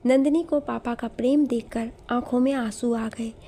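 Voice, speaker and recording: Woman narrator, emotional storybook reading, gentle, fairly high voice. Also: steady tone, moderate pace, slight background noise.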